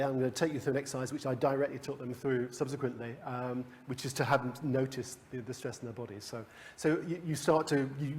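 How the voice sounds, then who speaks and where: A man leading a coaching workshop for a live group, talking conversationally with restarts and chuckles. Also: mid-range voice. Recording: long hall reverb.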